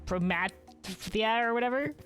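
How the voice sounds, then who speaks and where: A woman's voice: a little high, lively intonation, measured pace, fairly bright tone, soft background music. A woman streaming a game with casual, playful, slangy commentary.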